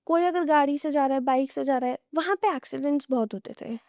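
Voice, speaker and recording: A young woman guests on a podcast, casually telling horror stories and drawing listeners into what-if scenarios. Her voice is high and darkish, she talks fast, and the recording is studio quality with no room sound.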